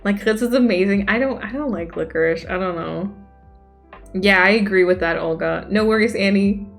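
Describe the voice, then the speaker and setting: A young Danish woman chats casually on a stream, reading out viewer messages, answering them and reacting aloud to chat. Her voice is mid-range and creaky at a normal speed, with faint music in the background.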